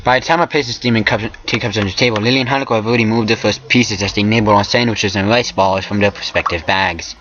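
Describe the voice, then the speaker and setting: A man's voice: lowish voice, fairly even intonation, fast talker, hardly any pauses, fairly bright tone, muffled recording. A man reading a visual novel aloud for a let's play, stumbling over words and tossing in joking asides. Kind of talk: casual let's play narration.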